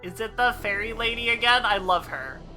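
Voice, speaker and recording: A woman's voice: fairly high pitch, a little fast, bright, forceful tone, soft background music. A young woman streamer chatting casually while playing a game and reading chat. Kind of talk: casual gaming livestream chat.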